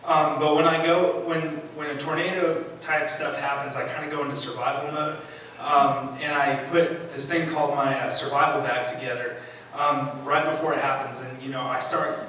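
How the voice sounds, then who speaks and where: A man's voice: fairly high pitch, a bit bright, a little hiss or hum. A man giving a rambling personal testimony in a church, with many fillers and restarts. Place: church sanctuary. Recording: echoey church from a distant mic.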